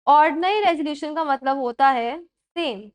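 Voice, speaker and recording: A young woman with a high-pitched voice leads a class, blending English terms into her Hindi. She dictates at a slow pace, goes over points again, and makes sure her students are following along in this classroom lecture.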